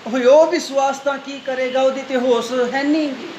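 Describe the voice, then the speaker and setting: Punjabi pastor preaching in an echoey room. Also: male voice, very high voice, fairly even intonation, normal speed. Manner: preaching, repeats each read verse and urges listeners. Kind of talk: Punjabi sermon with call-and-response Bible reading. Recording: echoey room with loud background noise.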